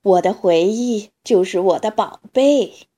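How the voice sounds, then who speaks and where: A woman voicing a gentle, wise old grandpa rabbit in a storybook, speaking slowly and softly. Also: lightly acted. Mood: kindly. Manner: slow, soft and lower.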